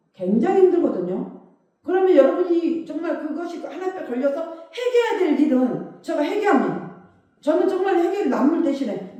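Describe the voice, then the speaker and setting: A woman's voice: high-pitched, mellow, very echoey, distant mic. A woman pastor preaching a sermon with emphatic rhetorical questions. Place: church sanctuary.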